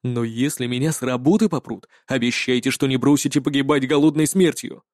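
A man voicing a young, obliging airport security operator in a plain, low-key way in a storybook reading. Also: brisk, no room sound, studio quality, natural voice. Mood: hushed pleading.

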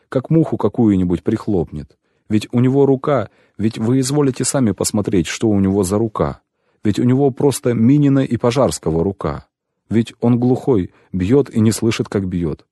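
A man's voice: lowish voice, lively intonation, normal speed, warm tone, no room sound, studio quality, pitched above the performer's own voice. A man voicing a self-pitying grown shoemaker who pleads and laments at length, in an audiobook reading. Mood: pleading.

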